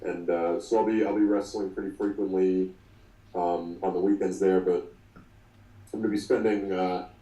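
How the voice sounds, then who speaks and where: A man's voice: low voice, fairly even intonation, dark tone, reverberant, recorded from a distance, low-quality recording. A man in his twenties talking through an interview as the guest, often restarting and filling with ums. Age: 20s. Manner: halting, many restarts and fillers. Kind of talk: casual interview.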